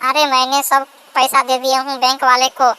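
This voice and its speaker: A man voicing a nagging, greedy old mother-in-law in a comedy sketch, shrill and scolding. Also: completely flat delivery, normal speed, pushed and bright, slight background noise, full character voice. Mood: bossy.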